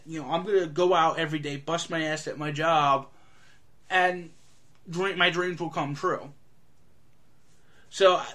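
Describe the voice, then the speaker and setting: A man talks through a movie in an eager, rambling monologue that is full of fillers. His voice sits a bit high and sounds bright and forceful. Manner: enthusiastic, rambling, many fillers. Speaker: movie reviewer. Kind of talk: casual monologue review.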